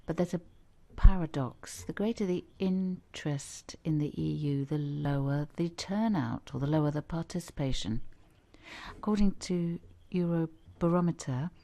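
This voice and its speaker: A woman doing simultaneous interpretation at a conference, with measured, uneven phrasing. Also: deep voice, warm tone.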